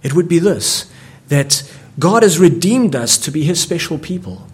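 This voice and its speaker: A man's voice: a little high, very animated, moderate pace. Earnest man preaching. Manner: earnest, repeats words while building points. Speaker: pastor. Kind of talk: sermon.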